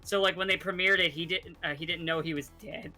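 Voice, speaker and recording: A man's voice: a little high, fairly even intonation, a little fast, bright, forceful tone, faint music behind. A man chatting casually as a fellow player, opinionated and sweary, often stumbling over his starts. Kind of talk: casual gameplay chat.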